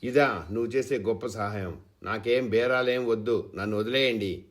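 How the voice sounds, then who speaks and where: A man's voice: on the low side, normal speed, lightly acted. A man voicing a stubborn farmer husband who speaks with indignation and bitterness. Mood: indignant. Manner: indignant, then weary.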